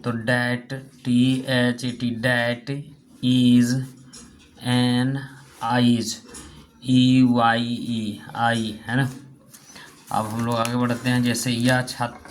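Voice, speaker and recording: A man's voice: medium pitch, completely flat delivery, extremely slow, slight background noise. A man teaching English grammar, repeating himself and spelling words out letter by letter. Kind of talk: spoken grammar lesson.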